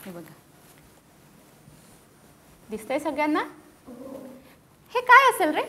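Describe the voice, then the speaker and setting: Animated teacher reading to children. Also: female voice, high voice, takes it slowly. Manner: animated, keeps questioning the children. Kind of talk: reading a picture book aloud to children. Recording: echoey classroom.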